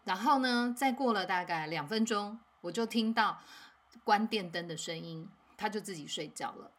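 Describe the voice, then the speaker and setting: Brief: mom, podcast host, breathy and husky, calm and measured. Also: female voice, medium pitch. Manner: calm, measured, with soft sighing asides. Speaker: mother and parenting podcast host. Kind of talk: podcast storytelling.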